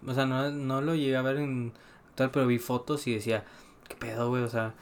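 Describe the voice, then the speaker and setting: A man's voice: medium pitch, fairly even intonation, brisk, clear, resonant tone. A young man with a Mexican Spanish accent, co-hosting a casual chat and bantering loosely, full of slang. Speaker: podcast co-host.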